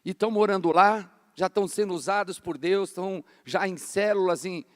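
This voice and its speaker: Fervent pastor in a reverberant church. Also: male voice, high voice, brisk. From Brazil. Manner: fervent, casual, says "cara" a lot. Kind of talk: sermon. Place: large church hall. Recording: long hall reverb.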